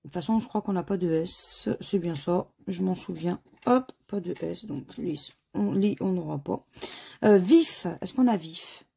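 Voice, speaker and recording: Woman, from France, hoarse, mellow, unhurried, spells letters aloud. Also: lowish voice, expressive. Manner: spells out letters one by one, muttering to herself. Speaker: scratch-card video host. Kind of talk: casual scratch-card commentary.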